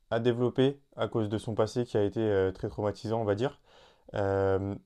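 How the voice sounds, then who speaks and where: A man's voice: lowish voice, dark tone. A man hosting a solo podcast, talking casually to the listener with many fillers and restarts. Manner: addresses listener informally. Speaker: podcast host.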